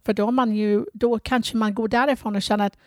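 A woman chatting casually in a lively, encouraging way, often agreeing with her friend. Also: a little high, no room sound, clean studio sound. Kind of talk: casual chat.

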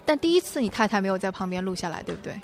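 A woman hosting a podcast interview, asking brisk follow-up questions. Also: mid-range voice, sing-song. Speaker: podcast host. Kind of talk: casual interview.

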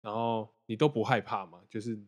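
A man's voice: on the low side, steady tone, fairly quick. A young man hosting a casual podcast interview, prompting his guest and summing up his points. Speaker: podcast host.

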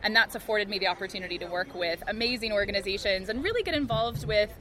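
A woman's voice: medium pitch, lively intonation, quick pace, bright, forceful tone, low-quality recording. A woman with an American accent talking casually as a podcast guest. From United States. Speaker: podcast guest, charity technology professional. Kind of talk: casual interview chat.

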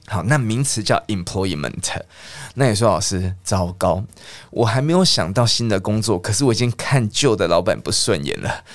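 A man teaching an English lesson, chatty, asking his listeners questions and repeating words slowly. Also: lowish voice, dry recording. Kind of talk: lively lesson.

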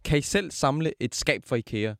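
A young man co-hosting a casual podcast, relaxed, putting questions to the group. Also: medium pitch, creaky. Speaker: podcast co-host. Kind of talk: casual chat.

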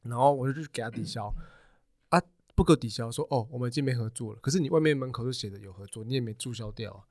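A man co-hosting a podcast, telling a story in quick, insistent casual chat. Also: mid-range voice, no room sound, clean studio sound. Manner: rapid storytelling, defensive and insistent. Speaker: podcast co-host.

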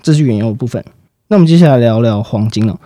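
Fast-talking man analyzing markets. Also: mid-range voice, animated, dark tone, dry recording. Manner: fast explanatory, frequent fillers and sentence-final particles. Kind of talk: financial commentary chat.

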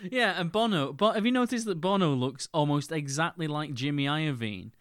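A man's voice: a little high, animated, normal speed, fairly bright tone, dry recording, clean studio sound. A man co-hosting a podcast in casual chat, hesitant, with many fillers and restarts. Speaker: podcast co-host.

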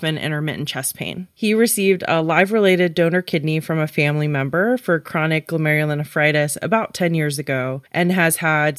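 Podcast host, measured clinical explanation, mid pitch, dry close sound. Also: fairly bright tone, dry recording. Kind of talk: podcast case presentation.

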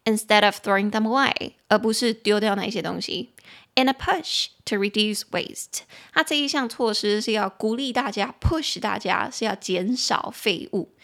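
A young adult woman hosting a podcast, explaining English in Mandarin and reading English sentences slowly and clearly. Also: medium pitch, fairly bright tone. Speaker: podcast host and English teacher. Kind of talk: casual teaching podcast.

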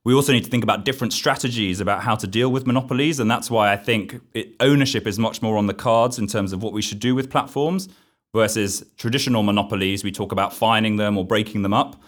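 Male podcast guest, lowish voice, steady explainer, pace shifts. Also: fast. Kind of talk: conversational explanation.

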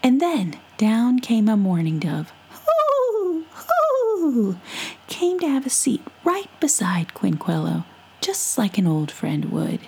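A woman telling a bedtime folk tale in a soft, unhurried whisper. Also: mid-range voice, sing-song, gravelly, breathy edge. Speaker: storyteller.

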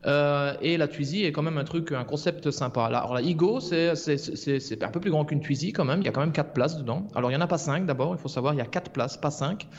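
Man in a muffled, reverberant room. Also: on the high side. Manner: joking, relaxed, halting with fillers. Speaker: regular columnist. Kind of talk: casual podcast chat. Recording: dull lo-fi sound with long reverb.

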